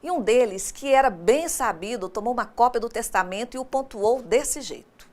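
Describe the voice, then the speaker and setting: Brazilian woman teacher for a recorded online class, slightly high voice, playful and expressive, keeps asking the class questions. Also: normal speed. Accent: Brazilian Portuguese. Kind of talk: recorded distance-learning lesson.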